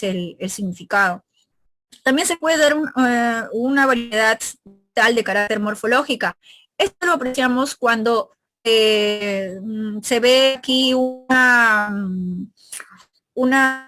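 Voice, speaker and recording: A woman's voice: a little high, fairly bright tone, dry recording. A woman from Peru with a northern Peruvian Spanish accent, teaching a pre-university review class. She explains step by step and keeps checking in with her students. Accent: Peruvian Spanish, northern coast. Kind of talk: recorded review lecture.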